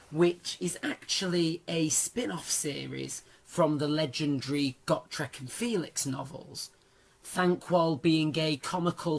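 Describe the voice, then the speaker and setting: A man with a hoarse, worn-out voice and a smoker's rasp, giving chatty, informal commentary on fantasy lore as a video host. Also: a little high, fairly bright tone. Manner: chatty, informal, playful asides.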